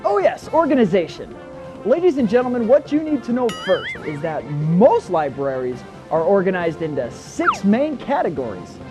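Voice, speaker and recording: This is a booming, flamboyant carnival showman from an old educational film , played by a man. His pitch swings widely as he calls to the crowd. Faint music plays under him. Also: wildly swooping pitch, moderate pace, poor audio. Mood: announcing. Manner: booming, showy announcer patter.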